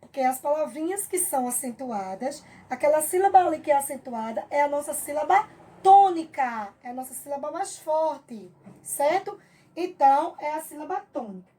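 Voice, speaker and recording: A woman's voice: high-pitched, expressive, normal speed, dark tone. A Brazilian woman teacher giving a patient review lesson for children, stretching out her examples and often checking in with the class. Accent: Brazilian Portuguese.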